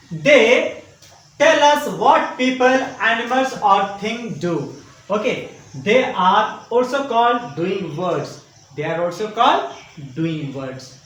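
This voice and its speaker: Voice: mid-range voice, a bit bright, roomy sound, rough recording. An online teacher with an Indian English accent, giving a patient, repetitive grammar lesson for young children. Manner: repetitive, patient, explaining with questions.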